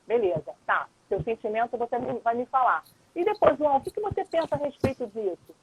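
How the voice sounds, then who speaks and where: A woman lawyer and mediator appears as a guest on a live stream, explaining things patiently in casual conversation and often checking in with the listener. Her slightly high, somewhat mellow voice is very animated, a bit fast and breathy, heard through dull, dry lo-fi stream audio.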